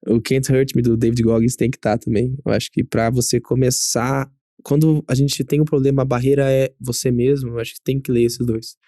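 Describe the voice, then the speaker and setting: A young Brazilian man with a Brazilian Portuguese accent, a podcast guest talking in a relaxed, chatty, upbeat way. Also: medium pitch, fairly quick, no echo, clean studio sound. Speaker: guest, emergency medicine resident. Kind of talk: casual podcast chat.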